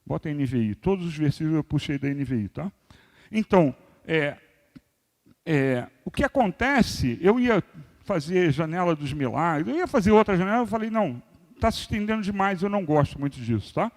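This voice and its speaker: A man in his sixties preaching a sermon as pastor, moving between loud emphasis and quiet asides. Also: a little high, expressive, normal speed. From Brazil. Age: 60s. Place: church hall. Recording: long reverb of a large church hall.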